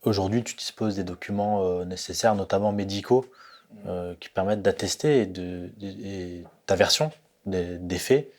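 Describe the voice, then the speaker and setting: A man interviewing a guest, asking measured, precise questions. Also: low-pitched, a little mellow.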